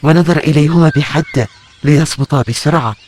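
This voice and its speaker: A man narrating an audio novel in a measured storytelling manner. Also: fairly high pitch, slight background noise.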